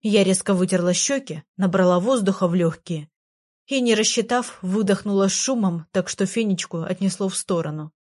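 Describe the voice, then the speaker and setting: A woman narrating a children's storybook in the first person with an even storytelling delivery. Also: medium pitch, normal speed. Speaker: audiobook narrator.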